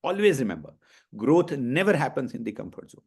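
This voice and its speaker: A man's voice: medium pitch, big pitch swings, quick pace, vocal fry, husky. Emphatic Indian-accented man coaching an audience. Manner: emphatic, repeats points, checks in with the audience. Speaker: coach hosting a session. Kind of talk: motivational coaching interview.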